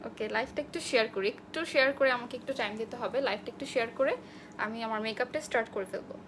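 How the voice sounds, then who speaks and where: A woman's voice: a little high, very fast, a bit bright, slight background noise. A young woman from Bangladesh, a makeup artist, chatting through a live makeup tutorial, greeting viewers by name and mixing in English phrases.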